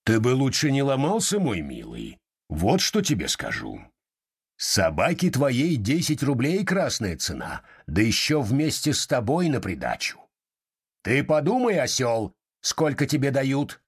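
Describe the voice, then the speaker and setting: A man reading an audiobook voices a stout, pompous doctor who talks down to people gruffly, in a husky voice. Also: mid-range voice, wildly swooping pitch, unhurried, voice pushed up, exaggerated voice. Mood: condescending. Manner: condescending, gruff. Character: stout pompous male doctor, bossy and threatening.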